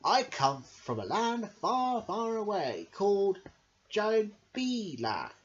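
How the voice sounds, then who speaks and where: A childlike, honey-mad bear from a picture book, acted out by a woman. The voice is eager and yearning and swings widely, pitched up, on a slightly dull recording. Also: sing-song, slow, a little hiss or hum. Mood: friendly, bluffing. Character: cheerful honey-mad bear pretending to be a bee.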